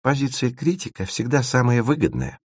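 Guy voicing a perky young girl, teasing and quick with made-up words, pitched way up in a storybook reading. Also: sing-song, husky, no echo, studio quality. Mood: playful. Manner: bright, teasing, rapid-fire offers. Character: quick-witted young girl, playful word-inventor.

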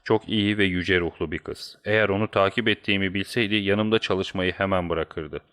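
A man's voice: sits low, steady tone, moderate pace, fairly bright tone, no echo, studio quality. A man voicing a passionate, desperate young man who speaks urgently and heatedly. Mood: pleading.

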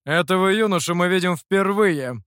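Man doing a calm, courteous master. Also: high-pitched, clear, resonant tone, no room sound, studio quality. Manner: courteous, measured. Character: calm, polite master who is older than he looks.

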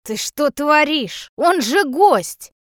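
A drunk, furious mother, voiced by a woman reading an audiobook for an audiobook. She scolds in shrill, drawn-out shouts in a raised voice. The sound is dry and close. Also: expressive, no echo.

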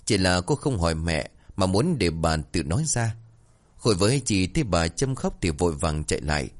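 Man, storyteller, deep voice, lively pitch, dramatic narration.

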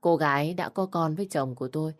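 Female storyteller, low-pitched, measured and somber narration.

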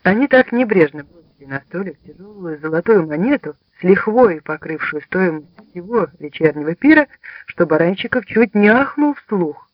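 A high-voiced man reads a story aloud with lively storytelling narration. The recording is dry and close, with a slightly dull, lo-fi tone. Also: moderate pace, no room sound. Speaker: audiobook narrator. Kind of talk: scripted narration.

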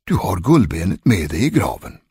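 A man's voice: deep voice, big pitch swings, mellow, breathy edge, no room sound, studio quality, full character voice. A man playing a stern, curt master of the house. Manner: curt, commanding.

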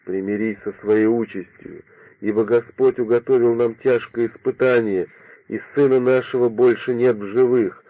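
A man's voice: medium pitch, fairly even intonation, moderate pace, no room sound, natural voice. A man reading an audiobook voices an older, dignified father holding back his grief in a solemn, restrained way, on a dry, phone-like recording. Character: stoic grieving old nobleman, dignified father. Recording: dry, phone-like narrow sound.

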